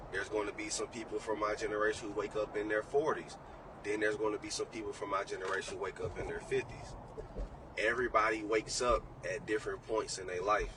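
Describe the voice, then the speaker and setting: A man's voice: medium pitch, pushed and bright. Blunt profane young man, mic set back. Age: 20s. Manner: blunt, profane, preachy motivational rant. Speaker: trading educator guest. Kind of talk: casual podcast talk. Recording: distant mic with faint background noise.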